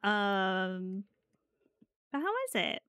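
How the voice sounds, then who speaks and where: A woman's voice: mid-range voice, big pitch swings, very slow, a bit bright, smooth, no echo. A woman streaming casually as a VTuber, talking in a playful, giggly gamer-girl way with swearing, close on the mic. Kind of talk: casual live stream chat.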